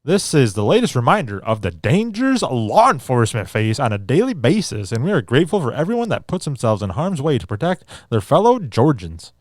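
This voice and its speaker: A man reads news stories aloud on a podcast and breaks off into sarcastic, crude jokes. His pitch swings widely as he goes. The sound is dry and close, with no room echo. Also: big pitch swings, brisk, hardly any pauses. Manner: sarcastic, swearing, reads articles and riffs on them. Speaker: podcast co-host. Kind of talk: casual podcast chat reading news aloud.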